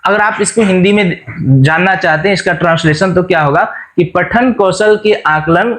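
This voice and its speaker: A man with a high-pitched voice gives an exam-prep lesson. He works through each question, explains it, and then repeats it in simpler words. He keeps checking back with his viewers as he goes. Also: moderate pace, a bit bright. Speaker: teacher.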